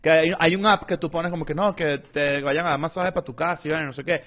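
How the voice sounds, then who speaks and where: A man's voice: fairly high pitch, steady tone, brisk, fairly bright tone, muffled recording. A man making teasing jokes in a casual podcast chat. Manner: teasing, jokey interjections. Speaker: podcast co-host.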